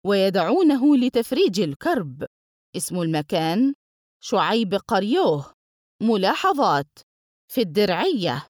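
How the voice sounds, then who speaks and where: A woman reading a nonfiction book aloud, going through table entries in a measured, list-like way. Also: medium pitch, a little mellow, dry recording, clean studio sound.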